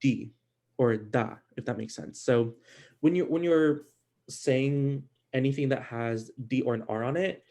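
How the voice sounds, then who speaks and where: A man teaching an online language class in a casual, halting way, with many fillers and restarts. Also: mid-range voice, mellow.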